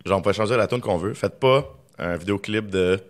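A young Québécois man, a film director, telling stories in a casual podcast conversation and acting out quoted lines. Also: lowish voice. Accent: Québécois French. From Quebec. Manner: rapid storytelling, acts out quoted lines.

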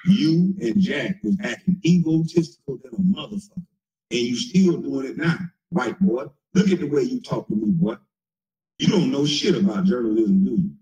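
A man's voice: medium pitch, big pitch swings, moderate pace, mellow, highs cut off. A man in his forties in a profane, mocking, taunting rant. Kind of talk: heated rant.

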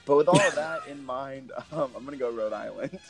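A man's voice: medium pitch, expressive, a little fast, vocal fry, breathy edge, faint music behind. A man co-hosting a casual sports podcast, chatty and laughing often, drifting into side tangents. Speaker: podcast co-host. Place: lives in Hoboken, New Jersey.

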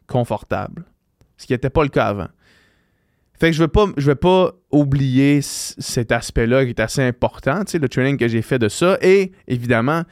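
A man's voice: mid-range voice, clean tone, no room sound, clean studio sound. A man in his thirties with a Québécois French accent, hosting a podcast and talking through his thoughts in a casual, reflective way. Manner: reflective, explaining with frequent restarts and fillers. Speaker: podcast host. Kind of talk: casual monologue.

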